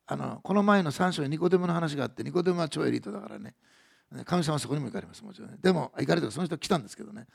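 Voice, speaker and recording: A man preaching a sermon as pastor, earnest, moving between soft hushed passages and raised emphatic lines. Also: medium pitch, creaky, breathy edge.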